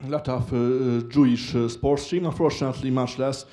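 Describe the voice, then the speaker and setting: A young man from Hungary with a Hungarian accent gives a short stage talk in halting speech with many filler pauses. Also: medium pitch, fairly even intonation, mellow. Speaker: student speaker.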